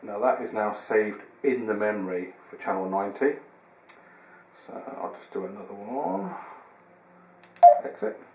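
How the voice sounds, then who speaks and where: A man with a voice on the low side and a darkish tone gives a casual, hands-on product tutorial, walking through it step by step with some hesitation. He sounds animated but goes a little slowly, with vocal fry and frequent pauses. Echo from the room and background hiss fill the recording.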